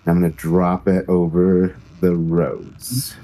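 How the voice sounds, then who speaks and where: A man's voice: deep voice, level tone, slow, mellow. A man chatting casually as a tabletop game player, hesitant and given to swearing.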